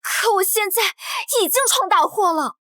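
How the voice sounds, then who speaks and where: Young palace concubine, high girlish pitch, coy and courtly, costume drama. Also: normal speed, fairly bright tone, dry recording, clean studio sound. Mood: panicked, distraught. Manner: coy, deferential courtly speech. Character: young imperial consort, coaxing, sweet and secretly scheming.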